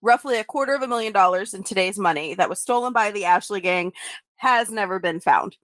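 A woman's voice: mid-range voice, a little fast, fairly bright tone, dry recording. A young woman co-hosting a podcast, telling a story in casual chat, with lots of "like" fillers and laughter. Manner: laughing, many "like" fillers, swearing. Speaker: podcast co-host.

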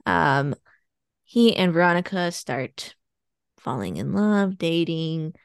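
A woman's voice: sits low, very animated, slow pace, clear, resonant tone, no echo, clean studio sound. A woman co-hosting a podcast, chatting casually and retelling a plot with lots of fillers. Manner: rambling plot summary with fillers and laughs. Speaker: podcast co-host. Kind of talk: casual chat.

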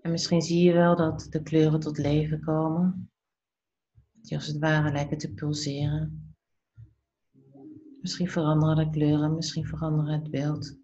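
A woman leading a slow guided meditation in a soft, soothing, unhurried voice that turns breathy at the ends of phrases, with pauses between short phrases. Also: low voice, completely flat delivery, lo-fi sound.

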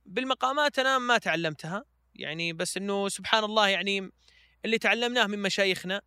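A man from Switzerland, a podcast guest, reciting the Quran in slow drawn-out chanting and talking casually with hesitant fillers. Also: sits high, pushed and bright, smooth, no echo.

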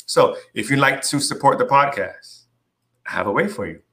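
A man's voice: medium pitch, animated, moderate pace, bright, forceful tone. A man hosting his podcast, talking in a casual, playful hype style and often tossing in "right?" and "you know what I mean". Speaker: podcast host.

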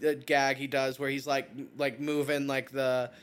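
A man's voice: mid-range voice, level tone, moderate pace, a bit bright, clear, resonant tone. Joking man in easy podcast chat. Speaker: podcast co-host. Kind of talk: casual chat.

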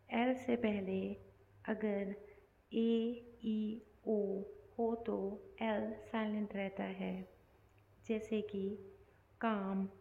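A woman teaching English silent letters, reading words one at a time with long pauses between them. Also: medium pitch. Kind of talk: slow word-list lesson. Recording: phone-like echoey recording.

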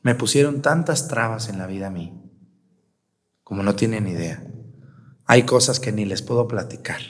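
A Mexican man preaching a sermon as a priest in a lively, animated way. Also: lowish voice, moderate pace, long reverb tail. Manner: animated, acts out complaining voices.

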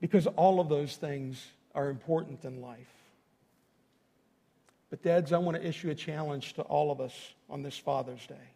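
A man's voice: fairly high pitch, normal speed, dark tone, breathy edge. A man preaching to a congregation as a pastor, speaking emphatically and directly to his listeners in a folksy way, repeating phrases for effect. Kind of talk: sermon to a congregation.

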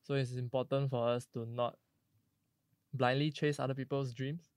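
A young Singaporean man talks in Singlish as part of a casual student discussion. His voice sits at an ordinary male pitch, with a dry, close sound. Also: little pitch movement, normal speed, a little mellow, clear, resonant tone, no echo. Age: young adult. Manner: Singlish with local particles. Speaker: university student on a podcast.

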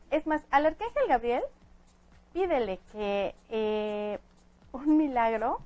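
Guest spot: fairly high-voiced woman, calm and explanatory, spiritual adviser. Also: poor audio. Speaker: guest angel reader. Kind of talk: casual chat.

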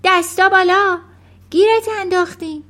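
A woman's voice: high-pitched, animated, voice pushed up. A woman reading a children's storybook aloud, voicing a bold, clever little girl who talks eagerly and gives orders. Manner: eager, commanding.

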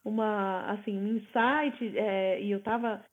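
A woman's voice: mid-range voice, steady tone, slow pace. A woman co-hosting a podcast from home, talking in a reflective, earnest way. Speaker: podcast co-host. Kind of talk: casual chat. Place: at home in the United States. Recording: tinny phone-like line.

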